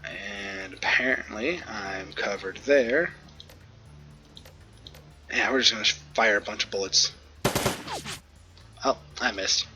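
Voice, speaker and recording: A man giving chatty let's play commentary, joking and filling pauses with ums and ohs. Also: on the low side, bright, forceful tone. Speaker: gamer.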